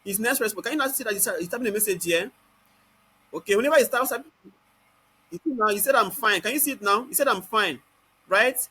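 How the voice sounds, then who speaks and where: A Nigerian-accented man giving an informal step-by-step software tutorial, constantly asking rhetorical questions and answering them himself. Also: high voice, fairly quick, long pauses, breathy edge.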